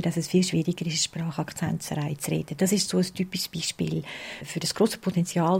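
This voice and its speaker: A woman with a Swiss German accent speaks as a researcher in an interview, laying out her points patiently and step by step. Her voice is gravelly and husky, with a mellow, darker tone. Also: mid-range voice. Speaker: early childhood music researcher. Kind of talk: explanatory interview answers.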